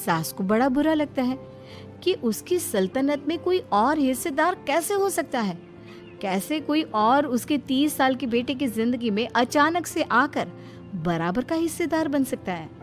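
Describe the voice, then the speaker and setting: A woman's voice: sits high, lively intonation, a little slow. A woman narrating a scripted moral story as its storyteller. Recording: music behind the voice.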